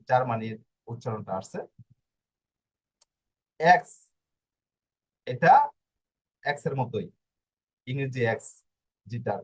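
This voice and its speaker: A man teaching an online language lesson, explaining slowly with many fillers and restarts. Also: medium pitch, rough recording.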